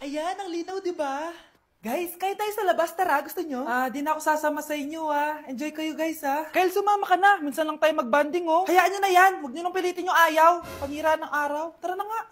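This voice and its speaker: A woman's voice: high-pitched, fairly even intonation, brisk. A woman acting out many characters in comedy skits with bratty, exaggerated delivery. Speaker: comedy sketch creator. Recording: echoey room with music.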